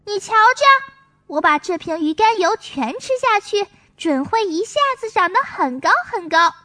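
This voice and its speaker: A woman's voice: extremely high pitch, moderate pace, full character voice. Woman doing a small boastful boy. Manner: excited, boastful chatter.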